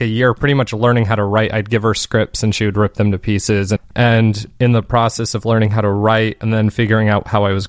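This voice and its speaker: A fiction podcast creator appears as an interview guest, talking about his creative work in an earnest, reflective, conversational manner. His voice is lowish, and the studio recording is clean with no room sound.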